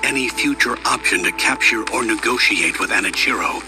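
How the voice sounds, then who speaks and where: A cold, formal enforcer whose voice comes through with a metallic, robotic filter. He speaks low and gives commands without any warmth. Music plays clearly behind him, as in a game cutscene. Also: fairly quick, poor audio. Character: stern adult male government enforcer.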